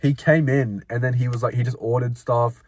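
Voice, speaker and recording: A man's voice: mid-range voice, steady tone, fairly quick. A young man co-hosting a casual chat, telling work stories with frequent laughs and swearing. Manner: laughs often, swears, mocks customers. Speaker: podcast co-host.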